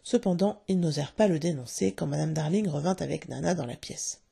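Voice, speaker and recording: A woman reading a storybook aloud with expressive, lively narration. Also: low voice, a little fast, gravelly, slightly rough.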